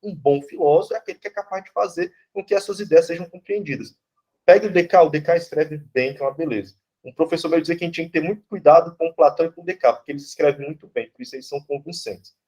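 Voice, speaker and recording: Here a Brazilian philosophy professor talks at a quick pace in a slightly high, darkish voice. He lectures informally and bluntly, swears without a second thought, and keeps checking in with "né?" and "tá certo?".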